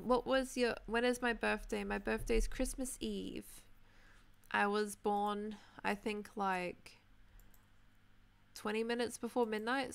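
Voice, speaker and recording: A young Australian woman in her twenties talks casually with her viewers as she plays, rambling from topic to topic. Her voice has a gravelly fry at the ends of phrases, yet stays smooth and clear. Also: mid-range voice. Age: 20s. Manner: chatty, rambling, answers viewers' comments. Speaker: Minecraft streamer. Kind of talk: casual chat while gaming.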